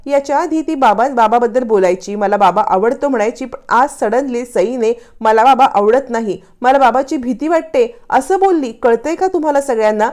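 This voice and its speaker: A woman's voice: on the high side, normal speed, few pauses, a little mellow, pitched above the performer's own voice, lightly acted. A woman voicing a protective young mother in a drama recap, earnest and insistent. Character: firm, protective young stepmother.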